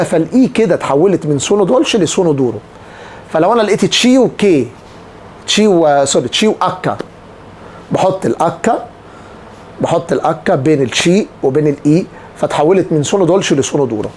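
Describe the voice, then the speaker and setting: A man's voice: on the high side, expressive, fast, a little mellow, a little hiss or hum. A man with an Egyptian Arabic accent teaching a language lesson, patiently repeating example words to drill pronunciation. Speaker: Italian teacher.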